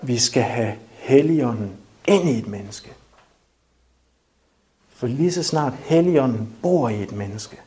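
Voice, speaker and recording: A man preaching a lively sermon, joking with the congregation and shouting to drive points home. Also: mid-range voice.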